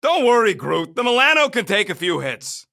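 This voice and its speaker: An actor voicing a cocky, irritable raccoon mercenary in a video game, with a rough street-tough voice and brash, sarcastic, slangy delivery. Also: male voice, high-pitched, big pitch swings, moderate pace, sharp tone, exaggerated voice. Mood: combative, urgent. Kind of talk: video game character barks.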